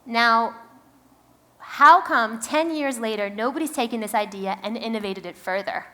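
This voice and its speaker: A woman's voice: on the high side, moderate pace, fairly bright tone. A woman with a Queens, New York accent giving a conference keynote in an emphatic, conversational, wry manner. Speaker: company founder, keynote speaker.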